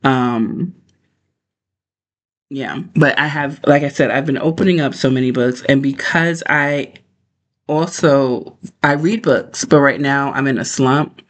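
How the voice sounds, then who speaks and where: A man's voice: medium pitch, measured pace, fairly bright tone. Male livestream host, casual and conversational, mid-range voice, informal rambling delivery.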